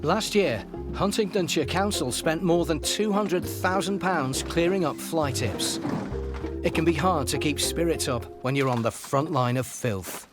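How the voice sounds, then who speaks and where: A man giving wry, measured scripted documentary narration. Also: on the high side, animated. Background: music.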